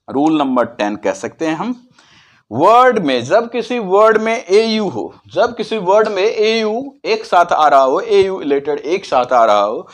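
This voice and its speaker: A man whose first language is Hindi, teaching English pronunciation, spelling words out letter by letter and then saying them slowly. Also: fairly high pitch. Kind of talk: explaining spelling and pronunciation lesson.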